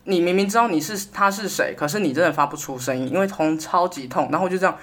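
A woman with a Taiwanese Mandarin accent, co-hosting a casual chat and telling a story with lively impressions. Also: rapid-fire. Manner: animated storyteller, acts out her mother in a high voice. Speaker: podcast co-host.

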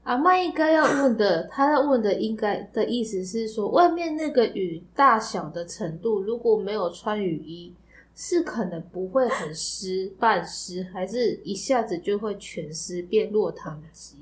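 A woman's voice: medium pitch, animated, normal speed. A woman co-hosting a podcast, teasing her partner in a dry, casual way. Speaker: podcast co-host. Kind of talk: casual chat.

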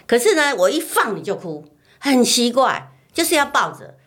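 Speaking at a moderate pace in a fairly high voice, a middle-aged mom chats casually with family about her child's infancy. Her storytelling is lively: she repeats herself and performs her own past lines.

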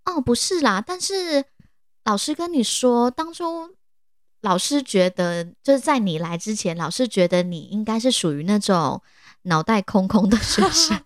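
A woman's voice: mid-range voice, lively intonation, moderate pace, no room sound, clean studio sound, lightly acted. A woman putting on the voice of a startled male professor who stammers in disbelief. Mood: fumbling. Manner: stammering, incredulous.

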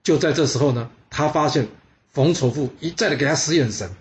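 A man's voice: fairly high pitch, a little fast. A man telling history stories casually, chatty, with teasing asides and many filler particles. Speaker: storyteller.

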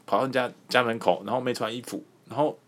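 A woman's voice: rumbling low, fairly even intonation, quick pace, pitched above the performer's own voice. A man voicing an alarmed, indignant young woman neighbor, scolding in a raised, agitated voice.

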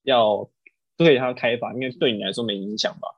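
Brief: male co-host, husky, offhand interjections, dull recording. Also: medium pitch, fairly even intonation, brisk, no echo. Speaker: podcast co-host. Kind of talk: casual chat.

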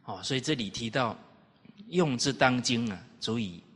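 A man lecturing on the classics, telling historical anecdotes in an animated way and putting rhetorical questions to his listeners. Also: medium pitch, normal speed, husky. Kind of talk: storytelling lecture. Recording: reverberant hall.

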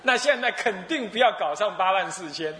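Animated Taiwanese monk telling a story. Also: male voice, sits high, moderate pace, reverberant. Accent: Taiwanese Mandarin. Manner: animated, playful, laughing storyteller. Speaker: abbot and dharma teacher. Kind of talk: storytelling sermon.

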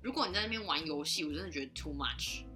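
Fast-talking, opinionated woman. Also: low voice, animated, music in the background. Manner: quick, opinionated complaining. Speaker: podcast co-host. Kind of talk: casual chat.

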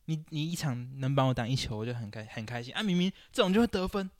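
A man's voice: mid-range voice, lively intonation, fast talker, no room sound, clean studio sound. A young man, co-hosting a podcast, complaining animatedly and acting out quotes. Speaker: podcast co-host. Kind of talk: casual chat about basketball.

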